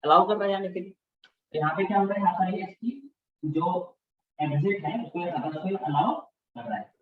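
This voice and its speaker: This classroom lecture comes from a man with a high-pitched voice speaking at normal speed. He repeats key terms and often checks for understanding, and the recording sounds distant, echoey and dull.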